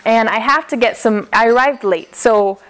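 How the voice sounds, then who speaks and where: A woman's voice: a little high, moderate pace, fairly bright tone. A young American woman telling a personal story live, chatty and laughing often, acting out the quoted lines, heard from a camera across an indoor hall. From United States. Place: classroom-style hall, indoors. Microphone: far camera.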